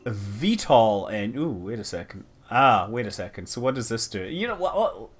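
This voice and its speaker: With faint music behind him, a man streams a space building game and rambles casually, thinking out loud and reacting to details. His lowish voice is sing-song and a bit breathy, at a normal speed.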